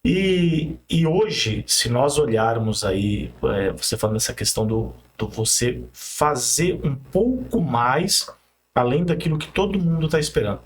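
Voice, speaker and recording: A man's voice: mid-range voice, lively intonation, a little slow. A man in his forties hosting a podcast, polite and reflective, with hesitant restarts. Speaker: podcast host. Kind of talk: interview conversation.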